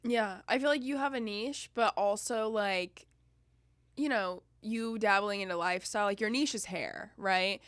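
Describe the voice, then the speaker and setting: Bright, joking young woman, dry close mic. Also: medium pitch, no echo. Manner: quick, joking, slangy. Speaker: podcast co-host. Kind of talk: casual chat.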